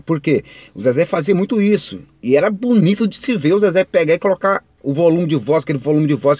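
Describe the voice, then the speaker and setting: A man's voice: fairly high pitch, a little mellow, no room sound. A man, giving casual singing tips in a chatty, rambling way, speaking straight to his viewers. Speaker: singing teacher. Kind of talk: casual vocal tips talk.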